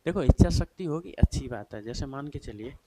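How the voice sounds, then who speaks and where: A man's voice: mid-range voice, lively intonation, brisk, heavy background noise. Chatty man teaching an exam class. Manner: chatty, repeats "theek hai" and "bhai sahab" often; asks and answers his own questions. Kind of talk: explanatory exam lesson.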